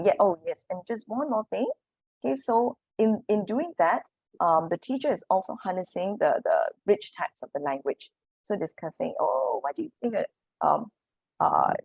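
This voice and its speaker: A woman's voice: on the low side, lively intonation, a little fast, darkish tone, dry recording. A woman with a Singaporean English accent presenting to teachers, explaining her points with many "okay" and "et cetera" fillers. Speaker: teacher trainer.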